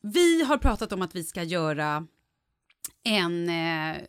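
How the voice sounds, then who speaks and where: A woman's voice: fairly low pitch, background noise. A woman co-hosting a podcast, telling stories in casual chat and acting out what others said. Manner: animated storyteller, acts out others' lines. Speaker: podcast co-host.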